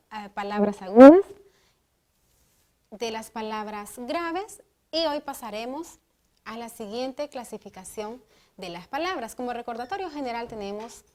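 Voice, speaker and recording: Honduran lady teaching on tv, kinda high voice, clear and slow with examples. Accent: Honduran Spanish. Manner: clear, deliberate, explanatory. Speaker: teacher co-host. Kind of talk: educational TV lesson.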